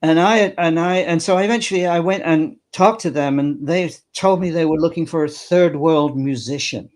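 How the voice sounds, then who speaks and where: A man's voice: fairly high pitch, normal speed, darkish tone. An older man, a clown performer, reminiscing in an interview in a rambling way, with many halts and restarts.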